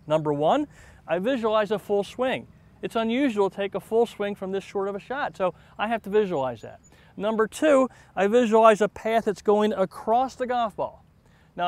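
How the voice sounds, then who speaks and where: A man working as a golf commentator and instructor, speaking in an encouraging, praising manner. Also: high voice. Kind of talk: golf commentary and short game lesson.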